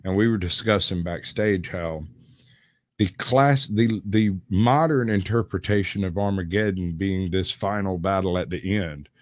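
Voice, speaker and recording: Male live host, low pitch, Southern US accent, folksy joker, loose chatty rambling, dry sound. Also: a little slow, no room sound. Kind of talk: casual live stream chat.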